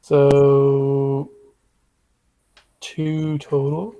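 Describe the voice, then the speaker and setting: A man's voice: mid-range voice, monotone, very slow, warm tone. A man playing a tabletop role-playing game, talking casually as he moves in and out of character.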